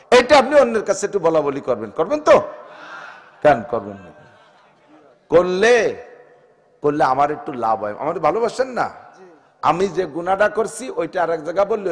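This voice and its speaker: Gopalganj Bengali preacher, male, pitched a little high, moves from shouting to quiet asides, reverberant hall. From Bangladesh. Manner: swings from shouted exhortation to soft, joking asides. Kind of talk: Islamic sermon to a congregation.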